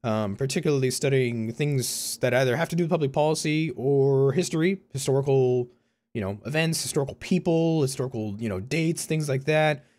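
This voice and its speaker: In a casual personal vlog, a Concord, California YouTuber and university student in his early twenties addresses viewers in a mid-range, fairly quick, slightly mellow voice. His Californian American accent carries loose, rambling talk full of self-corrections and frequent "like" and "you know."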